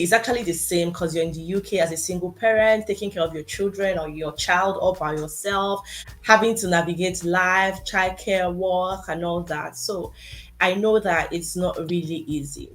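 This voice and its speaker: Chatty woman hosting a video interview. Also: on the low side. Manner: friendly, chatty, addresses viewers directly. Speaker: host. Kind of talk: casual interview.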